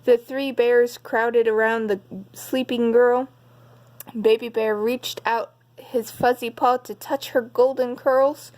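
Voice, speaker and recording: A woman slowly reading a bedtime story aloud as storyteller, gentle and unhurried. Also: fairly high pitch, little pitch movement.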